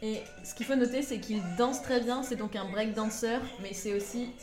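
A woman's voice: a little high, steady tone, normal speed. Female co-host, teasing banter; echoey room. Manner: playful, teasing. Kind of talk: casual chat. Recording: roomy echo with music.

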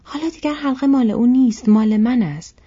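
A woman voicing an old male hobbit, possessive and agitated, who speaks in a shrill, raised, insistent way. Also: gravelly, a little mellow, husky. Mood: angry, possessive. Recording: dull lo-fi recording.

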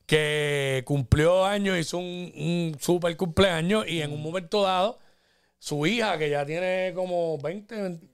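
A man's voice: fairly high pitch, unhurried, clear, resonant tone. A man with a Puerto Rican accent, co-hosting a casual podcast and sharing sentimental stories about his daughter. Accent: Puerto Rican Spanish. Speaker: podcast co-host. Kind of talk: casual comedic chat.

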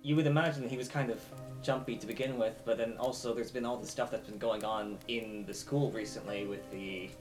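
A player at a tabletop game, talking in a thoughtful, somewhat hesitant way at a middle pitch. Music runs clearly in the background. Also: fairly even intonation, fairly quick, few pauses. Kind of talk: casual tabletop game play.

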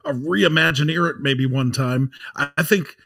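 American man with a slightly high voice. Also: moderate pace, creaky, fairly bright tone. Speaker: podcast co-host. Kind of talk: casual podcast chat.

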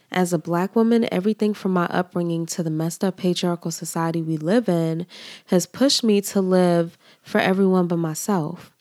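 Woman podcast host, stuffy nose from allergies, kinda low voice, earnest scripted monologue, dry close sound. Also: a little mellow, no room sound. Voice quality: congested, stuffy-nosed. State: congested from allergies, trouble breathing.

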